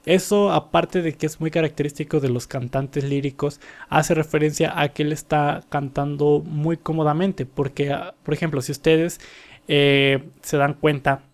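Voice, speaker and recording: Analyzing a singer's technique in an informal way, a young man stops periodically to sing brief demonstrations. This vocal coach speaks at a moderate pace in a steady, slightly high voice.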